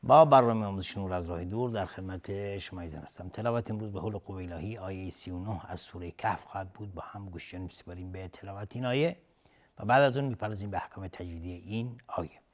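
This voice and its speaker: A man teaching Quran recitation on a television lesson, switching between slow chanted verses and brisk spoken explanations of pronunciation rules. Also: low voice.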